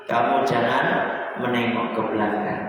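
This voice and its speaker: A man preaching who voices a solemn male angel messenger, speaking slowly and reassuringly. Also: medium pitch, fairly even intonation, fairly bright tone, heavy reverb, big-room sound, far from the mic, slight background noise, natural voice, poor audio.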